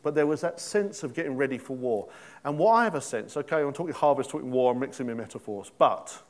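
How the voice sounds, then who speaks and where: A middle-aged man gives a sermon in a relaxed, conversational manner. He asks his listeners questions and throws in jokes as he goes. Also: medium pitch, quick pace. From Britain. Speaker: pastor.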